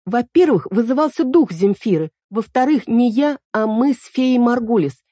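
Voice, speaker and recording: A woman's voice: fairly high pitch, expressive, warm tone, no room sound, studio quality, pitched above the performer's own voice. Woman doing a chattering young girl fairy. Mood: flustered. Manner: quick, fussy and earnest.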